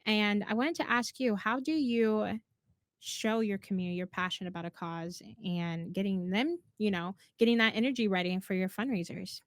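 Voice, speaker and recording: A woman's voice: medium pitch, normal speed, no echo. A woman hosting a casual interview, upbeat and enthusiastic, often laughing. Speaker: interview host.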